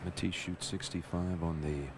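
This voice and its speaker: A man's voice: sits low, steady tone, normal speed. A man hosting a televised golf tournament with live commentary, taped from an old broadcast. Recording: very noisy VHS broadcast, loud crowd.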